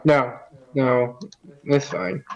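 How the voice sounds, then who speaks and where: Slow-talking joking male gamer. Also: mid-range voice, vocal fry, highs cut off, noisy background. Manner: joking, contrary banter. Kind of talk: co-op gameplay chat.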